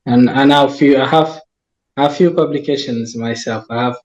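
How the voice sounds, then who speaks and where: A man's voice: mid-range voice, darkish tone, dull audio. A young Tanzanian man working as a wildlife research coordinator, being interviewed and answering thoughtfully with many restarts. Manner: slow and thoughtful, with frequent restarts. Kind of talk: conversational interview.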